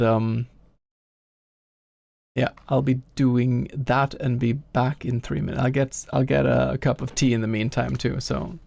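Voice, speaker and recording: A man's voice: medium pitch, gravelly, a little mellow, no echo. A Norwegian man with a Norwegian accent, chatting casually on a game dev stream, rambling and thinking aloud in a self-deprecating way. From Norway. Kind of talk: casual live-stream chat. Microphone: gifted home studio microphone.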